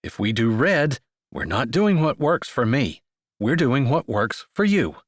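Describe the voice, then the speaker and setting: A man playing a quiet, commanding grumpy rancher. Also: mid-range voice, very animated, a little slow, no echo, studio quality. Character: stubborn grumpy young male rancher.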